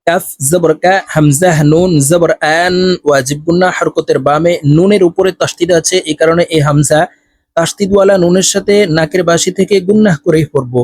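A man teaching Quran reading, spelling out each letter and vowel, then reciting the words in a slow drawn-out chant between brisk explanations. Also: on the high side, steady tone, darkish tone, no room sound.

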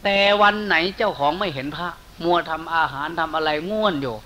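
Thai monk telling a folk tale, Isan accent. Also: male voice, fairly high pitch, brisk. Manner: storytelling in lively folksy speech, softening for quoted lines. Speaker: monk preacher. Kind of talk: sermon storytelling. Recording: faint hiss.

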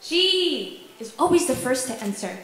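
In a wood-paneled hall, a young woman recites a spoken word poem at a stand mic, rhythmic and emphatic, with deliberate stammered repeats. Her high voice is sing-song with a fairly bright tone, and there is slight background noise.

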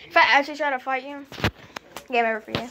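High young voice joking around at home. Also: steady tone, quick pace, dull audio, noisy background. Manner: joking, teasing. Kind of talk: casual chat with family.

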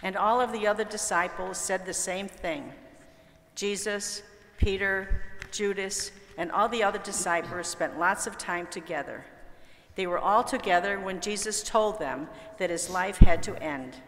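A woman reading a Bible story for children in a clear, gentle storytelling manner in a church. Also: mid-range voice, a little slow, a little hiss or hum. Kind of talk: scripted story narration. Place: church sanctuary. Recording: echoey church with long reverb.

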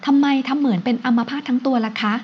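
A woman's voice: high-pitched, steady tone, fast talker, natural voice. A woman voicing a determined young wife who talks in an earnest, polite, coaxing way, on a dull recording with faint hiss. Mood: teasing.

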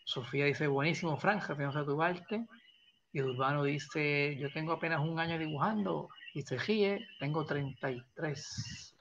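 A man's voice: a little high, moderate pace, fairly bright tone, slight background noise. A man hosting a live drawing stream, affectionate and encouraging, reading chat messages aloud, with dull lo-fi audio. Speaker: host of a live drawing show.

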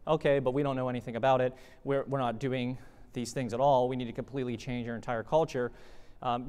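A man's voice: mid-range voice, clean tone. Man presenting in a reverberant hall. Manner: conversational, animated, frequent fillers. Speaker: conference presenter. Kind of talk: conference talk. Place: conference hall.

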